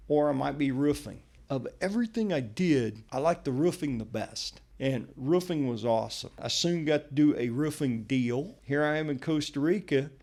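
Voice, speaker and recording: A man's voice: mid-range voice, creaky, a little mellow. A middle-aged man hosting a podcast, casually telling his own life story in a conversational way. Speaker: podcast host. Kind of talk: personal storytelling monologue.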